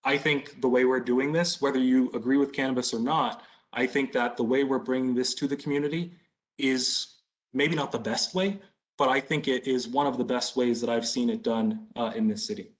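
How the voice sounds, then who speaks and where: A man in his thirties from Boston answers questions at a community meeting. His voice sits at a middle pitch, and he talks in a measured, conversational way with frequent fillers. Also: steady tone, poor audio. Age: 30s. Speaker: business owner presenting a proposal.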